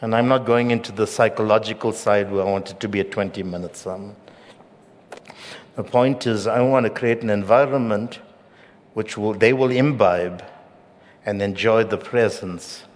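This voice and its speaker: Emphatic preacher in a reverberant hall. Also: male voice, on the low side, normal speed. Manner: emphatic preaching with sudden loud peaks and hushed drops. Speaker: pastor. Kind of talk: sermon. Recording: long reverb of a large hall.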